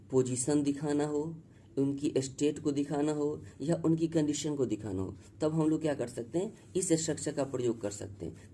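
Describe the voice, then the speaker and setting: A male teacher gives a grammar lesson with a mellow, dark voice. He works slowly through his examples, repeats each line, and spells out words letter by letter while checking that his students follow. A faint background hum sits under his voice. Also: fairly high pitch. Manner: keeps asking "है ना?" to check on the class. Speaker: English teacher.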